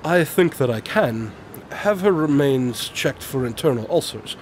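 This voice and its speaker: Here a man voices a brilliant, aloof detective in a radio drama, explaining deductions formally, precisely, and matter-of-factly. The mood is confident and probing. His mid-range delivery is animated yet unhurried and lightly acted, with a little hiss or hum underneath.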